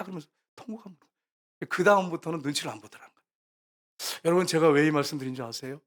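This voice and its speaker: A male pastor preaching a sermon. He speaks straight to the congregation and moves between loud, emphatic lines and hushed storytelling. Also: a little high. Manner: often addresses the congregation directly.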